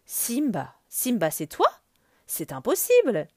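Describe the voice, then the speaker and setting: A woman's voice: a little high, wildly swooping pitch, takes it slowly, warm tone, slightly rough, no echo, studio quality, voice pushed up, exaggerated voice. A woman voicing a brave young lioness in a storybook, speaking in a raised, eager voice.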